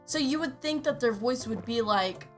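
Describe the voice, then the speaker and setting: A young woman in casual gaming-stream chat, animated and swearing as she makes her points. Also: a little high, normal speed. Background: game music.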